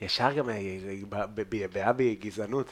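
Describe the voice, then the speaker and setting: A stand-up comedian guest telling stories in a casual chat, laughing often, swearing freely and acting out his anecdotes. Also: on the low side. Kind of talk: casual chat, animated storytelling. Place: home loft, indoors.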